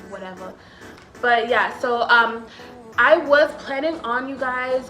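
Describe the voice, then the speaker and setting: A woman's voice: a little high, a bit bright, roomy sound. A young adult woman vlogging to camera in a loose, chatty way, slightly out of breath, often trailing off with filler phrases. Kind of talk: casual chat to camera.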